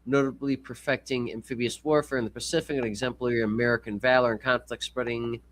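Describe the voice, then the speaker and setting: A man's voice: medium pitch, fairly even intonation, quick pace, a bit bright. A man hosting a casual stream, reading an article aloud, jokey and rambling, laughing often. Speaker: stream host.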